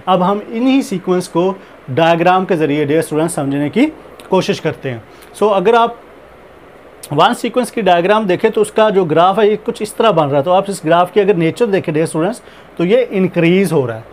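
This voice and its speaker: A man teaching a recorded math lecture, explaining step by step in a slow, deliberate way, mixing in English math terms and leaning on repeated filler phrases. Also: high-pitched, a little mellow, slight background noise.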